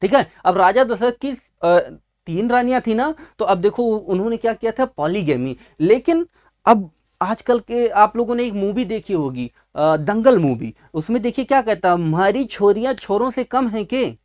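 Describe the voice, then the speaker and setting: A man's voice: sits high, animated, normal speed, a little mellow. A male teacher giving an exam-prep vocabulary lesson at a writing board. He asks questions and answers them himself, repeating key words, and addresses his students fondly. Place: at a writing board in a class video.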